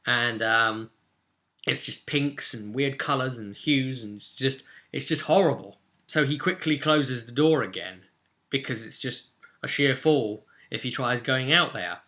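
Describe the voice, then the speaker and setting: Pushed and bright, a man's mid-range voice recaps a tabletop roleplay session from the game master's seat. He tells it informally, punctuating the story with dramatic emphasis and pauses that build suspense.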